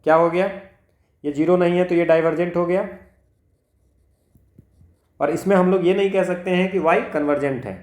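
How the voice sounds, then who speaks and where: His voice sits high and steady, at normal speed with long pauses and a slightly mellow quality. The Indian-accented man is an exam-prep maths teacher teaching informally step by step, questioning himself, code-switching between two languages and frequently using check-words, recorded in an echoing room.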